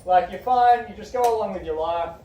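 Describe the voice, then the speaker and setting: A young male teacher leads a classroom discussion, asking questions and encouraging his students. His voice sits high with a dark tone and a fairly quick pace, and the lo-fi recording sounds distant in an echoey room with faint background noise.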